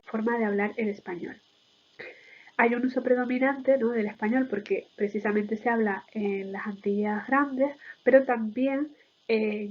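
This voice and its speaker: A woman's voice: on the high side, highs cut off. A woman giving an explanatory lecture in a didactic way, often checking in with short tag questions.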